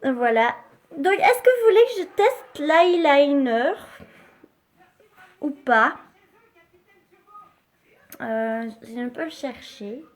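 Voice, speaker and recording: Slow-talking high-voiced woman demonstrating makeup. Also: expressive. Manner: chatty, unhurried, full of fillers like "hein" and "hop". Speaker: makeup live-stream host. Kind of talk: casual live makeup demonstration.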